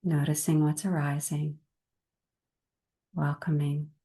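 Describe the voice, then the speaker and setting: In a low voice with flat delivery, a woman gently talks listeners through a guided meditation. Her phrasing is measured and unhurried, with long pauses.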